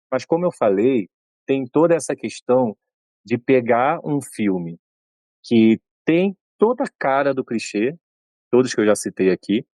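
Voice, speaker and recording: A man in his thirties co-hosts a casual podcast, recounting a film at length and quoting its characters in a lifted voice. His voice sits at a middle pitch. The sound is close and dry, with no room around it. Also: a little mellow, dry recording. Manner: long retelling, acts out quoted lines in raised pitch. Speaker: podcast co-host.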